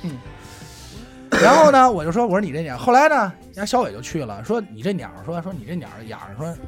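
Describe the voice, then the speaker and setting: Animated higher-pitched Beijing man telling stories. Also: fast talker, soft background music. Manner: animated, slangy, acts out quoted remarks. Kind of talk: casual comic storytelling among friends.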